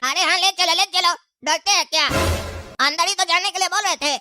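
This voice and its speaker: A very high, bright-toned cartoon man, brash and boastful, played by a woman. He scolds and brags in a cocky, bossy way. The recording is close and dry, with no room sound. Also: a little fast, no echo, faint music behind, exaggerated voice. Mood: defiant. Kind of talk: cartoon comedy voice acting.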